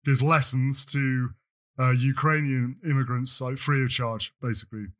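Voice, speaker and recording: A British man living in France co-hosts a podcast, rambling through casual chat full of fillers and restarts. He speaks at normal speed in a medium pitch with little movement in it.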